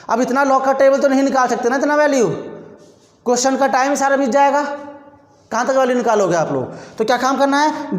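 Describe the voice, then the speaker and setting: A man teaching chemistry in a classroom lecture, walking students through each step and often calling them children. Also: very high voice. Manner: addresses students as children, repeats steps. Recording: echoey room with long reverb.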